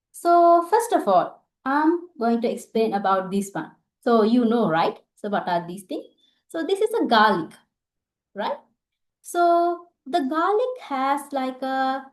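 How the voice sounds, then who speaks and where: Higher-pitched woman with a Sri Lankan accent. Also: darkish tone. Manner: halting, checking in with "right?" and "okay". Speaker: Ayurvedic doctor giving a talk. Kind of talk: informal instructional online talk.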